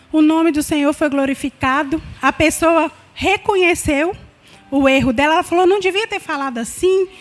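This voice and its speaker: A woman's voice: extremely high pitch, a bit bright. A woman with a Brazilian Portuguese accent preaching a sermon in an earnest, conversational way, often repeating herself.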